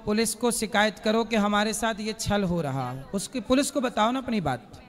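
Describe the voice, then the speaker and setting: High-voiced man giving calm counsel. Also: normal speed. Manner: calm, direct counsel with short probing questions. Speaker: spiritual guru answering questions. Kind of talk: question-and-answer session at a religious discourse. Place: large hall before an audience. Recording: reverberant hall.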